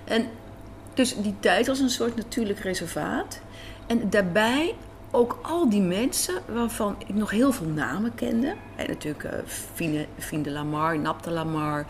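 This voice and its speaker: This interview guest, who writes and directs radio drama, tells stories casually in an unhurried, medium-pitched voice with lively intonation. The hotel café setting adds faint ambience, and the recording has a little hiss or hum.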